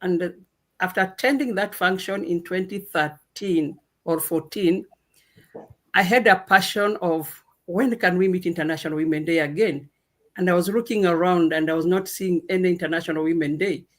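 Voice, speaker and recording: A woman from Kenya speaking on a radio panel, telling her story slowly with many hesitations. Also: fairly low pitch, fairly even intonation. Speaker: guest speaker. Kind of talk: casual panel talk.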